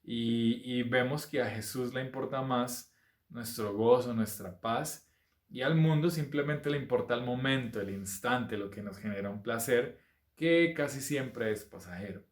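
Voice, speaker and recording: A male preacher delivers a sermon at a medium pitch, and the voice rings around an echoey room. He reads scripture aloud with lifting emphasis, then explains it in a plain teaching tone and stops to ask rhetorical questions. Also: unhurried. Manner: frequent fillers and restarts, asks rhetorical questions.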